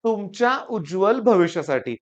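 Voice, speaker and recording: A man's voice: high-pitched, expressive, normal speed. A middle-aged man who teaches at a coaching class, giving students a stern, scolding talk and repeating phrases for emphasis. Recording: dull lo-fi recording.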